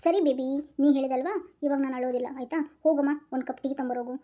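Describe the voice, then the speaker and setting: A woman voices a timid young husband in a cartoon, with a North Karnataka lilt. His voice sits high and runs fast, and his complaints come out as whimpers. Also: fairly even intonation, warm tone, muffled recording, close to an everyday voice. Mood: whining. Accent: North Karnataka Kannada. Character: meek whiny young husband, doctor. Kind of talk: cartoon voice acting.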